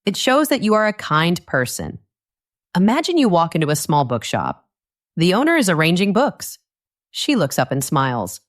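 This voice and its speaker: A woman giving a scripted English lesson for learners in a slow, gentle and encouraging way. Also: lowish voice. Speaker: English teacher.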